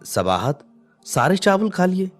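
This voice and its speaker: A man's voice: lowish voice, lively intonation, moderate pace, soft background music. A man as a grumbling loving young husband. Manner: grumbling, affectionate.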